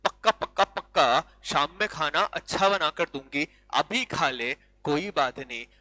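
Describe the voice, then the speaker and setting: A man doing a soft, coaxing loving mother. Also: fairly high pitch, animated, a little slow, dry recording, pitched below the performer's own voice. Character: loving mother coaxing her child to eat.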